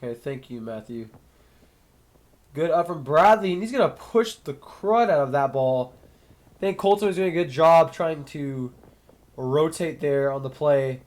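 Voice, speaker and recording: A young man with a rather high, darkish voice speaks unhurriedly with lively intonation, his sound a little nasal from a cold. Working alone as a sports commentator, he calls the action play by play in a casual way and muses between points.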